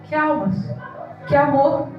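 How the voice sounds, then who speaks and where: A woman's voice: high voice, takes it slowly, narrow, tinny audio, faint music behind. A woman pastor preaching an impassioned evangelical sermon, acting out the voices of congregants. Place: church hall. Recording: echoey church hall from far off.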